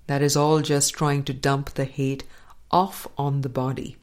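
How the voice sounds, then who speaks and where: A woman with a low, level-toned voice reads a spiritual book in a slow, deliberate, soft-spoken manner, stopping between passages to offer commentary. Phrases frequently trail off quietly, in a measured audiobook style.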